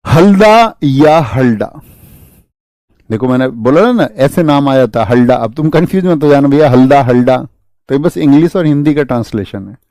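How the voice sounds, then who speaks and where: A man's voice: mid-range voice, brisk, dark tone, no room sound. A young man teaching an exam-prep class, energetically quizzing students with questions and mixing English words into his explanations. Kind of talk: exam coaching lesson.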